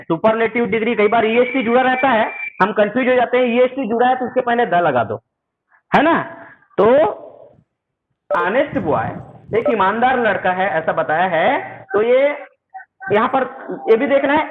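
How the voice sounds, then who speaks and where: Hindi-speaking man teaching grammar, phone-quality audio. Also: sits high. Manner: keeps asking "है ना?" to check the listener, repeats words slowly; spells out sounds and example sentences while writing. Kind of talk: spoken classroom lesson.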